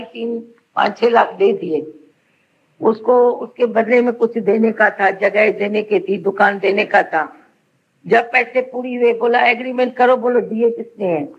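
A woman's voice: on the high side, creaky, dull audio, a little hiss or hum. A woman giving an earnest devotional sermon as a spiritual teacher, pressing her listeners with rhetorical questions.

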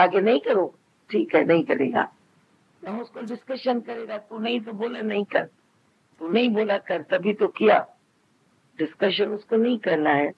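Gravelly man preaching in a high voice. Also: dull audio. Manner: conversational preaching, quoting others in dialogue. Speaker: spiritual teacher. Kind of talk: satsang discourse.

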